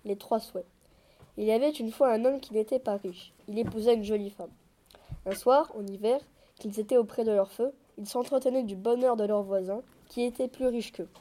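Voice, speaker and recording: A woman narrating a fairy tale aloud in a measured, expressive way. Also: on the high side. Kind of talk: storybook reading.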